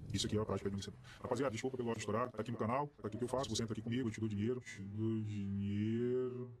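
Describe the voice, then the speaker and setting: A man's voice: fairly low pitch, steady tone, very fast, over music. A man talking casually in a video clip, his mic audio clipping and distorted. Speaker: content creator. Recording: dull, noisy, blown-out clip.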